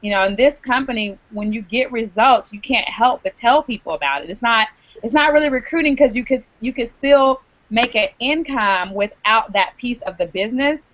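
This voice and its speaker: A woman's voice: fairly high pitch, animated. A woman hosting a live online video hangout, upbeat and encouraging in casual chat. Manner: upbeat, encouraging, quick asides. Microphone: video call. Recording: dull lo-fi web call audio.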